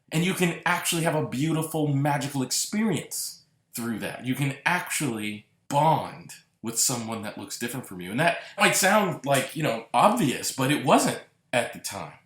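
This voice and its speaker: A man's voice: mid-range voice, a bit bright. A man hosting a solo podcast, talking earnestly and reflectively, lingering on repeated words. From Massachusetts. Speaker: podcast host. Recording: roomy echo.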